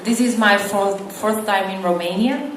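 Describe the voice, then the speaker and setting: A woman's voice: medium pitch, measured pace. A middle-aged woman from Portugal, an English teacher giving a conference talk, hesitant with many fillers and restarts. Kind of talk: conference presentation. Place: conference hall. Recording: echoey hall from far off, faint noise.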